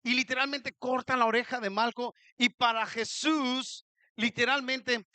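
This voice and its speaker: A man's voice: very high voice, pushed and bright, no echo. A middle-aged man preaching a sermon in church, mixing humor with questions to the congregation. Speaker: pastor.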